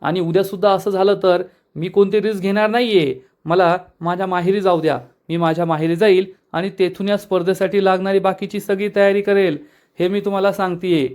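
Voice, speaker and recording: A man's voice: high voice, steady tone, brisk, a little mellow, natural voice. A man voicing a scheming, shameless young woman in a retold TV serial scene, who feigns innocence and snaps back in indignant denial. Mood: angry.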